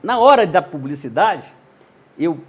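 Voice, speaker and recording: Husky, lively older man from Minas Gerais. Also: fairly high pitch, unhurried. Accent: Minas Gerais Brazilian Portuguese. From Montes Claros, Minas Gerais, Brazil. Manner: animated, acts out dialogue in voices. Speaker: journalist and radio narrator, guest. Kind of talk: casual storytelling interview.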